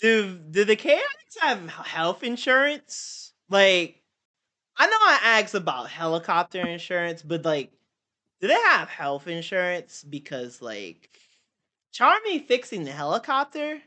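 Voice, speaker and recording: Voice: medium pitch, wildly swooping pitch, measured pace, bright, forceful tone. A young adult streamer chatting casually in a slangy, repetitive, exclamatory way. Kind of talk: casual reaction chat.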